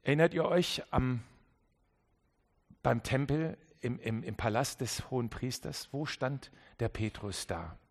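A man preaching a sermon to a congregation, emphatic, dropping to quiet low asides and repeating key phrases for weight. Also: a little slow. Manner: emphatic, swings between loud stresses and quiet low asides. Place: church service with an audience.

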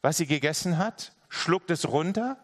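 A man preaching a sermon, earnest and direct, with a fairly high voice. He talks straight to the congregation and circles back over his key phrases again and again. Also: animated, normal speed. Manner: earnest, direct address with many repeated phrases.

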